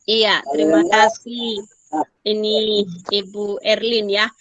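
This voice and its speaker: A woman guides an online church small group over a video call, her voice dry and close with no room around it. She encourages each member warmly with quick affirmations and gentle invitations to share. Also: mid-range voice, no room sound, dull audio. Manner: affirming, encouraging, frequent "ya" and "iya". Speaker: small-group prayer meeting leader.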